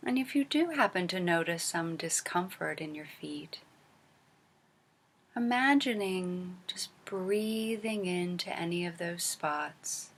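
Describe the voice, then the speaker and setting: Leading a guided body scan, a female meditation teacher speaks in a somewhat low voice. Her delivery is gentle and slow, broken by long pauses, and her lines fade out breathily.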